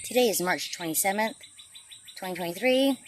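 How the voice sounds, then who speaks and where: A woman's voice: medium pitch, lively intonation, a little fast, a little hiss or hum. A woman narrating a casual garden vlog outdoors, thinking aloud as she works. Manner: chatty, thinking aloud while working. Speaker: gardener filming her garden.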